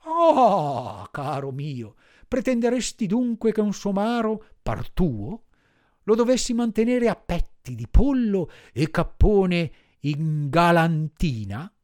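A man voicing a quick-tempered stable master who scolds slowly and mockingly. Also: fairly high pitch, huge pitch swings, no room sound, clean studio sound, pitched above the performer's own voice, heavily acted. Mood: angry. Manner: shouting, slow and mocking.

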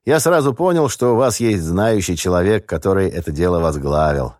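A man voicing an eager, excitable middle-aged former academic in an audiobook. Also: low-pitched, a little fast, dry recording, studio quality.

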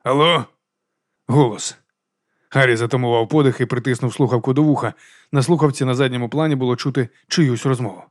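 A man narrating an audiobook in a steady storytelling manner. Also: mid-range voice, fast talker, no room sound, clean studio sound. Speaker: audiobook reader.

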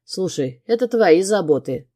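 A woman's voice: on the low side, animated, measured pace, warm tone. A woman reading an audiobook and voicing an arrogant, dismissive male criminal partner who talks curtly. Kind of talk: audiobook character voice.

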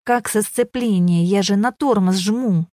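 A woman's voice: mid-range voice, a little slow, warm tone, no echo, studio quality, close to an everyday voice. Woman doing a flustered panicky learner driver. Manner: panicky, defensive.

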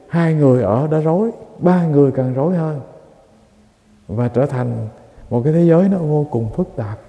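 A Buddhist monk preaches in a deep, very dark voice with a gravelly edge. His delivery is measured and emphatic, and he keeps turning to address his listeners. The sound rings with the long reverb of a large hall. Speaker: Buddhist monk giving a dharma talk. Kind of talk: sermon.

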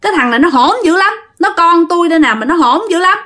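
A furious old great-grandmother scolds loudly in a high, shrill Southern Vietnamese voice, put on by a woman storyteller. Her pitch leaps all over as she rails at the child. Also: lively intonation, fast talker.

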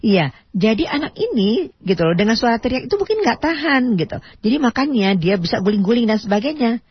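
A woman on a radio talk show giving parenting advice, explaining with animated emphasis and acting out parent speech. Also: a little high, fairly quick, slightly rough, dry recording. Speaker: parenting expert guest. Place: radio studio. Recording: dull lo-fi radio audio.

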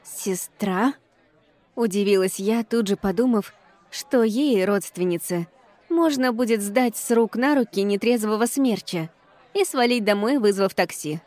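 A woman's voice: mid-range voice, moderate pace, a little mellow, no room sound. A woman reading a first-person audiobook with an ironic, exasperated tone. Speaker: audiobook reader.

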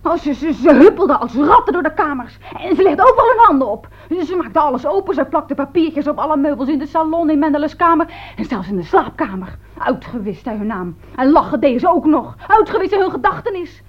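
An actress playing a loyal, excitable young housemaid in a radio play, telling her story in a breathless, stammering rush. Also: high voice, quick pace, few pauses. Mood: indignant. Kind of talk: radio drama acting. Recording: dull lo-fi radio recording.

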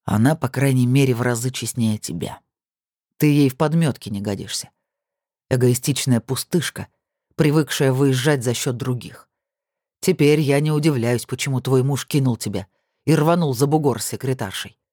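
Woman putting on a harsh angry young guy, curt and cutting, deep-ish and husky, audiobook. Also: moderate pace, dark tone, dry recording, studio quality. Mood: contemptuous. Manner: curt, contemptuous, barking. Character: cold, furious young man, harsh and cutting.

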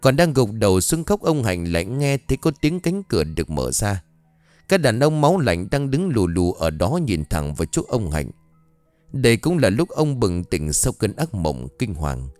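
A man narrating a horror audiobook with dramatic, expressive delivery. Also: on the low side, moderate pace, no echo, soft background music.

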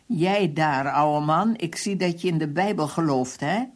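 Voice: mid-range voice, a little slow, lightly acted. A reader voicing a brutal male police captain who interrogates and threatens his prisoners. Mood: bullying. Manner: threatening, shouting.

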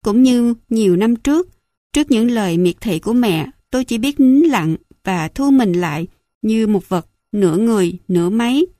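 A woman narrating a memoir audiobook in calm, even storytelling into a close studio mic. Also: on the high side, moderate pace, dry recording. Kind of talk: scripted narration.

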